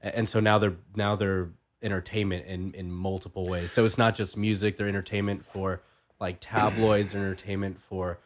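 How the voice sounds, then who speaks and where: A man co-hosting a podcast in casual chat, relaxed and agreeable, often trailing off with fillers. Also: low-pitched, moderate pace, slight background noise. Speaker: podcast co-host.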